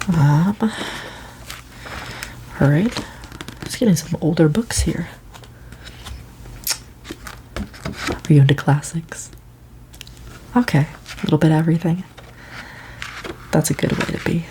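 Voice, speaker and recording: Woman playing a soft, low-voiced librarian, ASMR role-play. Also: a little hiss or hum. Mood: friendly, encouraging. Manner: hushed library voice, soft-spoken, slipping into speaks softly; hesitant, unhurried, halting delivery. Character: friendly, casual, helpful female librarian at the checkout desk.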